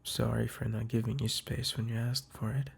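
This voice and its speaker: Playing a boyfriend in an intimate apology roleplay, a man whispers to the listener through a close mic in a husky, breathy, medium-pitched voice. His tone stays level at a moderate pace, and he sounds soft, hesitant and tender, sighing and restarting. The style is ASMR-like.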